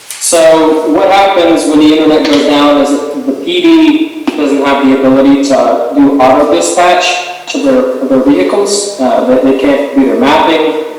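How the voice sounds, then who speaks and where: A man from Missouri pitches his services over a remote video call that plays through a loudspeaker in a council hall. His voice reaches the mic from far off and rings with a long, roomy echo. He talks in a halting way, restarting and repeating words. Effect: remote video call played over a room loudspeaker. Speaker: local account manager presenting to a city council. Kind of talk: remote sales presentation.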